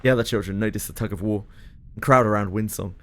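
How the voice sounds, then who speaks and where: A man's voice: on the low side, fast talker, a bit bright. A man streaming a game, reading its story aloud with dry, joking asides. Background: game music.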